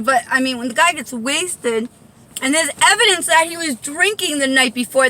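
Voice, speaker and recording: High-voiced woman with a lisping, whistling S. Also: pushed and bright, poor audio. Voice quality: lisp with whistling S sounds. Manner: insistent, halting, conspiratorial telling. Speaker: video maker addressing viewers. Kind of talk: rambling casual vlog monologue. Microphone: handheld phone.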